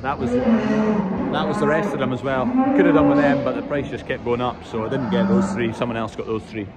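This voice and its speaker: A man's voice: mid-range voice, a little fast, a loud crowd. A man in his twenties with a Scottish accent, a farmer talking casually to camera for a vlog. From Scotland. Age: 20s. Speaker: cattle farmer and vlogger. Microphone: handheld phone at arm's length. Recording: very noisy farm, vehicle and market background.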